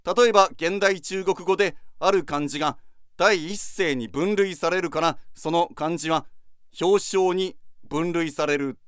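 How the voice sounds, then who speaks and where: A man's voice: a little high, a little slow, fairly bright tone, clear, resonant tone, no echo, clean studio sound. A man giving a patient, methodical lecture, repeating key points as he teaches. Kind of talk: explanatory lecture.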